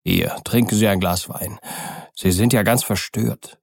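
Male reader as grave middle-aged lawyer, low and insistent, dry recording. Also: steady tone, a little slow, creaky, dry recording. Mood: concerned. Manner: earnest, insistent.

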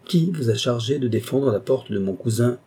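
A man's voice: mid-range voice, animated, normal speed, dark tone, husky, pitched above the performer's own voice. A man voicing a proud young heir who speaks curtly and firmly in a storybook reading. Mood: cold firm. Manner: curt, determined. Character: proud young male heir, cold and firm.

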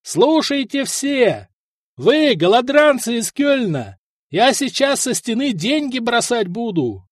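A cool, shrewd warrior captain trapped under siege, as a male narrator voices him, who taunts his enemies with defiant calls. The voice is lively and sits close and dry. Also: fairly high pitch, moderate pace, dry recording. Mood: defiant shouting. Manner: defiant, mocking when shouting.

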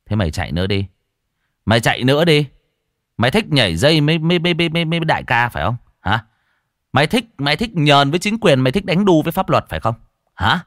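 A man playing a brash young exorcist who taunts and threatens spirits in a gruff, fast voice. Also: sits low, sing-song, no room sound, clean studio sound. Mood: taunting. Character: brash young male exorcist, cocky and rough.

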